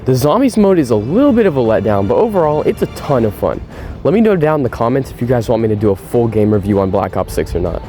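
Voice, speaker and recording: Stuffy-nosed sick guy ranting about a game, super animated pitch, mellow voice. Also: fast, soft background music. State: sick, congested voice. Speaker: gaming YouTuber. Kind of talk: casual gaming commentary.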